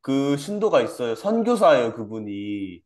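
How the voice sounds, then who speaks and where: A man's voice: medium pitch, big pitch swings, normal speed, darkish tone. A young man giving a personal testimony in a conversation, repeating himself and trailing off with many fillers. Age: young adult. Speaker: guest, former church member.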